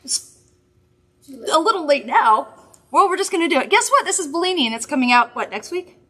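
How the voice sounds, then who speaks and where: A woman's voice: sits high, sing-song, fairly quick, bright, forceful tone. Woman host, casual makeup demo, chatty and giggly with rambling asides. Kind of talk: casual product demo chat.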